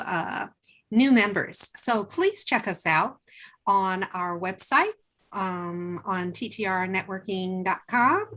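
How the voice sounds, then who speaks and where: A woman's voice: mid-range voice, a bit bright, poor audio. A woman hosting a networking video call, giving an upbeat, chatty welcome with frequent fillers. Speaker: host, networking group leader. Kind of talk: welcoming meeting introduction.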